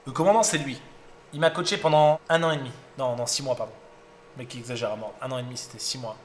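A poker streamer commentating his hands and telling a joke, excitable and playful. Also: mid-range voice, fast, slight background noise.

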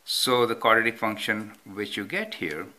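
Heard over handwritten notes in a whiteboard tutorial, a math teacher with a lowish, pushed and bright voice explains a problem at a moderate pace. He writes as he goes and often asks "right?" from off camera.

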